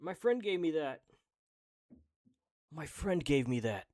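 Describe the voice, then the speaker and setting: A man putting on the voice of an upset young male hero who pleads with raised, higher pitch. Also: sing-song, takes it slowly, a little mellow, dry recording, clean studio sound. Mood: pleading.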